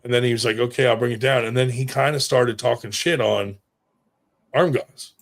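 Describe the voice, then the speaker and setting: A man's voice: medium pitch, steady tone, moderate pace. A man telling stories in casual chat, rambling and swearing freely, with lots of fillers. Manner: rambling and profane, with many fillers.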